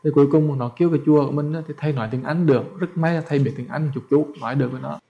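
A man's voice: on the high side, rapid-fire, creaky, highs cut off. A man, a Buddhist monk telling a story as a sermon in a colloquial, chatty way. He stumbles over repeated words and speaks straight to his listeners.

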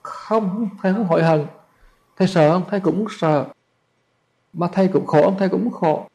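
Chatty monk, slightly high voice. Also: male voice, moderate pace, a little mellow, a little hiss or hum. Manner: colloquial and chatty, stumbles over repeated words; calls himself "teacher" and speaks straight to his listeners. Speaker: Buddhist monk. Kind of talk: storytelling sermon.

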